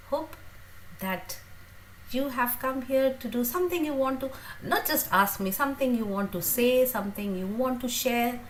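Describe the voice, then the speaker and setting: A woman, hosting a casual livestream Q&A, chatty and grateful, pausing often with fillers. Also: on the high side, a little hiss or hum, low-quality recording. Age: 50s. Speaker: teacher and livestream host.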